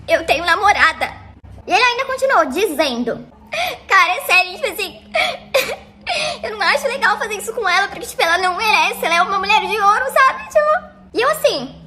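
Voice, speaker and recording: A young woman telling a personal story in a casual, animated and slangy way, acting out the other people in it. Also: very high-pitched.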